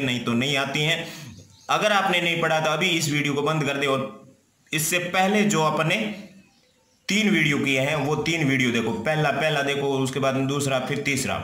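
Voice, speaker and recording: A man teaches Sanskrit grammar, chanting declension forms one after another and pausing to check that students follow. His voice is bright and sits a little high. The room is echoey. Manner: reciting word forms, checking with "ठीक है ना?". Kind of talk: classroom grammar lesson.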